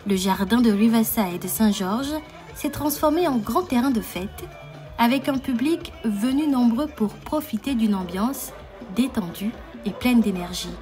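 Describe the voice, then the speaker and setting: A woman reading a scripted television report voice-over in a measured, polished way. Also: on the high side, expressive. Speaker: voice-over narrator. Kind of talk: scripted narration. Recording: music bed under voice.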